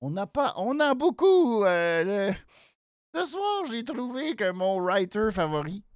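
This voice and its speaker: A wrestling show review host with a nasal, mid-range voice and a Quebec French accent gives a casual recap in studio-quality audio with no room sound. He sounds animated yet hesitant, speaking in halting phrases and repeating words for emphasis.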